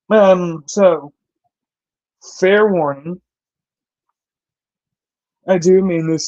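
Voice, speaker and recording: A man's voice: fairly high pitch, a little mellow, dry recording. A young man from the American South chatting on his live stream, rambling with many restarts as he reads and answers viewers' chat. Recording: dull dry home mic.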